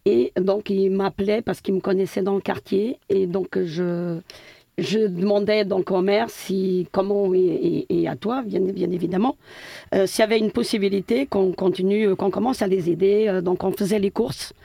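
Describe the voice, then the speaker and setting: A woman's voice: medium pitch, steady tone, moderate pace, creaky, mellow, no echo. A middle-aged woman from Portugal, a building caretaker answering interview questions hesitantly with many fillers and restarts.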